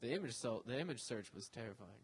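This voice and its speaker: A man co-hosting a podcast in casual banter, deadpan and wry as he jokes about news headlines. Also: mid-range voice, fast, breathy edge. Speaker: podcast co-host.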